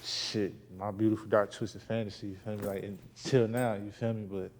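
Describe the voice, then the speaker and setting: A man's voice: on the low side, level tone, normal speed, a little mellow, slight background noise. A man from Chicago, a rapper and producer, talking casually in an interview, laid-back and full of slang, often trailing off into a mumble.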